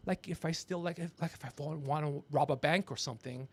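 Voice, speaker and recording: Speaking briskly in a fairly high voice with a breathy edge, this comedian and podcast host rambles through a livestream, joking, promoting himself, and addressing someone off mic. The recording is dry, made on a podcast mic with headphones on.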